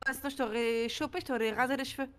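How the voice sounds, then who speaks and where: A pushy, excitable woman takes part in a GTA roleplay. She talks fast in a high voice.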